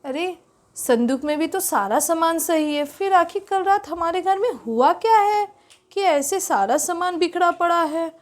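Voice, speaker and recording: A woman's voice: extremely high pitch, lively intonation, a little slow. A woman voicing a puzzled, dutiful grown son in a doll story.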